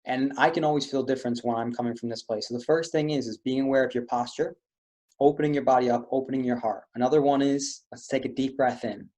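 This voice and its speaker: In a guided stress-relief talk online, a man coaches his audience through posture and breathing, one step at a time. He speaks fast in a warm, medium-pitched voice with fairly even intonation.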